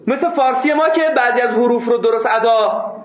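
A man's voice: extremely high pitch, a crowd in the background. A man teaching a seminary class, lecturing emphatically and answering his own rhetorical questions. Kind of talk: classroom lecture on Islamic jurisprudence. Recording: echoey room over a phone-like line.

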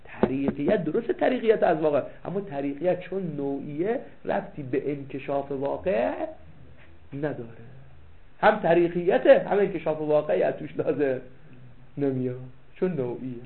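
A man's voice: on the high side, expressive. A man teaching a seminary class, reading out Arabic text and explaining it with rhetorical questions, repeating key phrases for emphasis. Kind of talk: classroom lecture. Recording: tinny lo-fi phone-like recording.

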